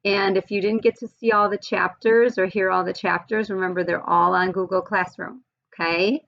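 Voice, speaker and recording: Gravelly teacher woman reading aloud. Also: medium pitch, fairly even intonation, normal speed, fairly bright tone. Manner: friendly, explaining, some fillers. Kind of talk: picture-book read-aloud. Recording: dull lo-fi recording.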